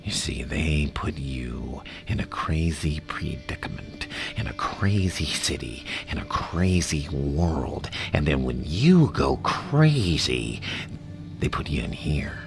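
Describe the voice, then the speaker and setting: An actor playing a theatrical, menacing madman crime boss in an ASMR roleplay, mocking and drawn-out, often slipping into a whisper. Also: a bass voice, very animated, music in the background, full character voice. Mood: bitter, menacing. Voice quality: gravelly.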